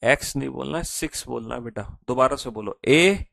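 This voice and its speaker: A man teaching an online class, coaxing his students, often calling them beta, and chanting letter mnemonics slowly and repetitively. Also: medium pitch, vocal fry, fairly bright tone, no room sound.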